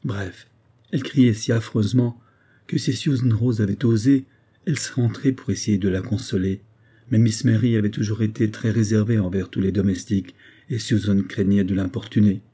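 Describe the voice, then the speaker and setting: A soft-hearted carpenter's wife in an old-fashioned storybook, tearful and pleading, her voice rising whenever her grief breaks through, as a male narrator puts her on. The timbre stays husky and dark. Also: fairly low pitch, fairly even intonation, moderate pace. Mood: sorrowful. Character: tender, tearful carpenter's wife, middle-aged servant woman.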